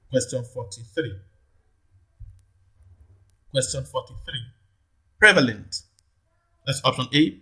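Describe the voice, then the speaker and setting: Husky Nigerian tutor repeating words slowly. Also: male voice, on the high side, fairly bright tone. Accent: Nigerian English. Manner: slow, drawn-out repetition of words, frequent "okay" checks. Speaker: English tutor. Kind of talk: exam-prep lesson.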